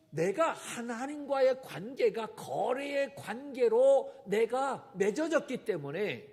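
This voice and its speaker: A man delivers a Sunday sermon as a pastor, his voice pitched high and full of wide, animated swings. He keeps turning to the congregation with direct questions and appeals. The sound carries a long reverb from the church sanctuary. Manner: preaching with rising emphasis and direct appeals to the congregation.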